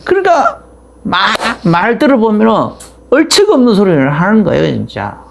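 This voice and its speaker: A middle-aged male pastor delivers a sermon as loose, conversational storytelling, often restarting his sentences. His voice carries a gravelly edge. His pitch leaps up and drops back down in wide, expressive swings. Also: normal speed.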